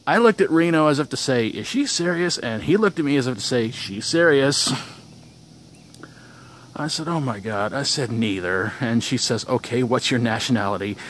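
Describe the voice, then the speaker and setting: A man's voice: medium pitch, fairly quick, few pauses, a little hiss or hum. Man, young adult, casual vlog storytelling, rambling, restarts, outdoors. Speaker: vlogger.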